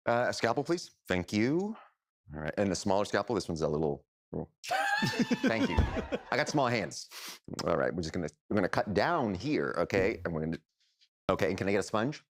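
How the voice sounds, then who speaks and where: A man's voice: low voice, sing-song, a little fast, pitched below the performer's own voice. A bumbling surgeon, improvised by a man, rambles cheerfully through the job. His voice leaps up and down as he goes. He talks in a loose, fumbling way. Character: bumbling overconfident male surgeon. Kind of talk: improv comedy scene.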